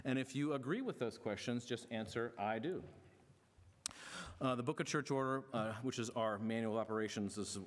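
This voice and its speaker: A man's voice: medium pitch, moderate pace. A middle-aged man, a pastor, speaking from a pulpit in a large church sanctuary, mixing formal readings with friendly joking asides. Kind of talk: church membership service address. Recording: long reverb of a church hall.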